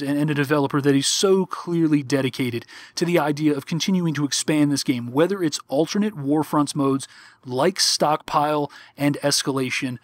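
Slightly high-voiced man, dry close sound. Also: no echo. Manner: musing, rhetorical questions, many fillers. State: nearly hoarse. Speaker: show host. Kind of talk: casual game commentary. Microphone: backup mic.

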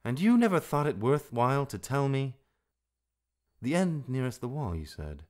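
A man voicing a small, brave male mongoose in a storybook, brisk and impatient, with a scolding manner. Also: on the low side, big pitch swings, a little mellow, voice pushed up. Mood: exasperated, urgent.

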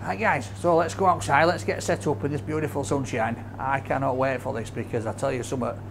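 A man's voice: mid-range voice, steady tone, fairly quick, creaky. A man with a Yorkshire accent, chatting and joking cheerfully while reviewing food on a city street. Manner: chatty, jokey, cheerful banter. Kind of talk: casual vlog chat. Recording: street noise behind. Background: traffic and scaffolding work.

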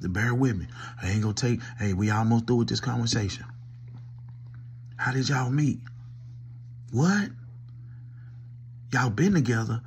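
A middle-aged comedy vlogger with a cold and stuffy nose, coughing, does a loose, teasing one-sided pretend call to an unseen listener in a small room. His voice is fairly low with a darkish tone, picked up by a phone held close, with slight background noise.

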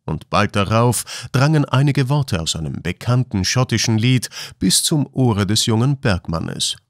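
A male audiobook narrator with a mid-pitched voice and lively melody. He tells the story expressively in clean, dry, close studio sound. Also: dry recording. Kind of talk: scripted narration.

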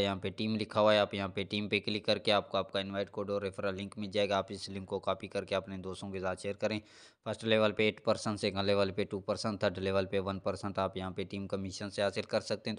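A man, hosting a channel and talking through an app step by step in a steady, instructional voice-over, leaning on repeated filler phrases. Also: fairly low pitch, clean tone. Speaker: channel host. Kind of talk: screen-recorded app walkthrough.

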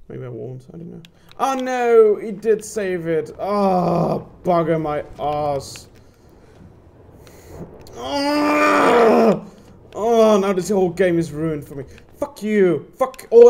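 A man's voice: a little high, warm tone, a little hiss or hum. A man giving let's play commentary, frustrated and swearing as he talks to himself and his viewers. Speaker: gameplay commentator.

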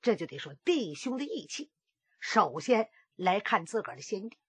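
A woman's voice: medium pitch, sing-song, moderate pace, breathy edge, dry recording. A woman storyteller performing a traditional pingshu tale with dramatic exclamations and vocal sound effects.

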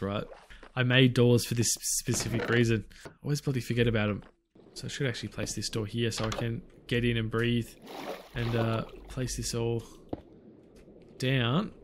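A man's voice: medium pitch, noisy background. A man giving casual, rambling commentary on his own gameplay, thinking aloud and restarting his sentences often. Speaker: gaming channel host. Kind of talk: casual let's-play commentary.

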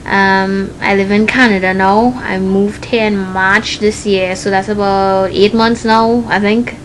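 A woman's voice: mid-range voice, flat delivery, a little slow, low-quality recording. A young woman from Trinidad with a Trinidadian Caribbean accent, talking casually to her webcam in a bedroom. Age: young adult. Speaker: video blogger. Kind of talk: casual chat to camera, reading a word list. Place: small bedroom indoors. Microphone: webcam or laptop mic at close range. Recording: noticeable room noise, webcam sound.

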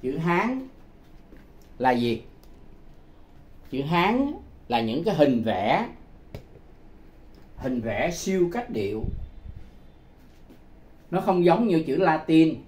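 A man teaching a lesson in a deliberate, explanatory way, repeating key words and pausing on hesitant fillers. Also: a little high, big pitch swings, darkish tone, roomy sound.

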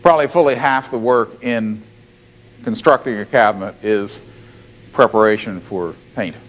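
On a loud factory floor, a man with a lowish voice at normal speed leads a walking tour, explaining each step plainly with frequent fillers and restarts. The audio is poor, with factory noise behind his voice.

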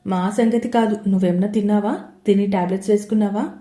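A caring elder sister scolding quickly and firmly, her voice mellow, as a woman storyteller reads her. The room around her is echoey. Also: medium pitch, steady tone, natural voice.

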